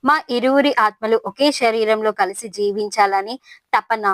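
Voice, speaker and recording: Woman voicing a dreamy young elder sister, soft and close. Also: on the high side, moderate pace, no echo, natural voice. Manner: soft and dreamy about love, snappish when startled.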